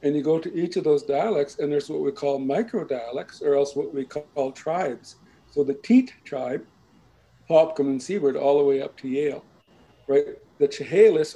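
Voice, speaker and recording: A man with a slightly high, mellow voice explains things in a slow, patient way. He often pauses to check that the listener is following. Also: poor audio. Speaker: language and culture speaker. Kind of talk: explanatory talk.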